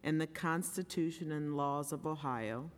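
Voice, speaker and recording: A woman's voice: sits low, measured pace. A woman justice administering a formal oath in short phrases for others to repeat. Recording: echoey hall, faint crowd.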